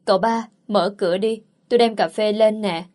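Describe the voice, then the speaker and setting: A woman reading the part of a young wife who is quick to anger and sharp-tongued. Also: medium pitch, fairly even intonation, lightly acted. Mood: plain.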